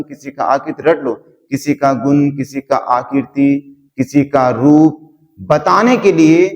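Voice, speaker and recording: A man teaching a spoken English lesson, repeating words over and over as he drills his class. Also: sits high. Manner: slow, repetitive drilling. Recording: long hall reverb.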